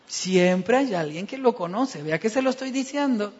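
A male pastor preaching a sermon with a dramatic delivery, acting out dialogues and building to loud, emphatic passages. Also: high-pitched, lively intonation, normal speed, slight background noise. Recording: dull recording in a reverberant hall.

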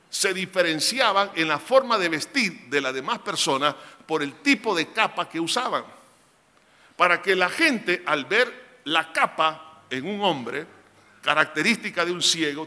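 A man preaching a sermon, emphatic, calling his listeners brothers and now and then shouting out quoted cries. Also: fairly high pitch, expressive, measured pace. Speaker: pastor. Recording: long hall reverb.

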